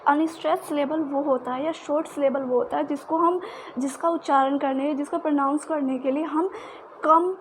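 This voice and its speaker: A woman's voice: high-pitched, fairly even intonation, slight background noise. A woman teaching a lesson, going over key terms again and often checking in with an okay. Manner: slow, halting delivery with fillers and restarts. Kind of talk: explanatory lesson for students.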